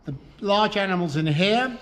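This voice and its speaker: High-voiced farmer, echoey sound. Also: male voice, lively intonation, normal speed. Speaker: farmer, farm owner. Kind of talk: casual explanation while showing a farm. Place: farm sheds and yard. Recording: echoey farm sheds, faint noise.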